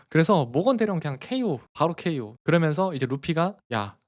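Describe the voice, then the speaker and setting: A man's voice: fairly high pitch, big pitch swings, moderate pace. A man casually retelling a cartoon story on a live stream, chatty and laughing often.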